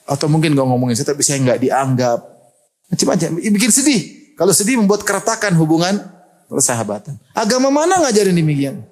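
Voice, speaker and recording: A middle-aged Indonesian man delivers a sermon in a lively, joking way and laughs often. His voice sits a little high for a man. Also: a little fast. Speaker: preacher.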